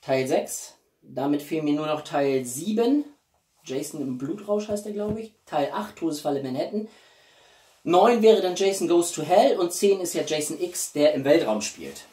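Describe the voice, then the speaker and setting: A man with a warm voice on the high side hosts a YouTube video from his small living room, speaking at a moderate pace in an animated, expressive, casual way. The audio has roomy echo from a distant microphone.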